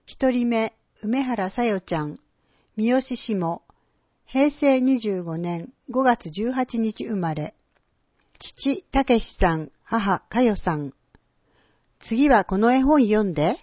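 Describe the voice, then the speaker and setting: A woman announcer reading a scripted public-service segment, with clear, measured delivery of names and dates. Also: mid-range voice, darkish tone, no echo, lo-fi sound. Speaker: municipal announcer.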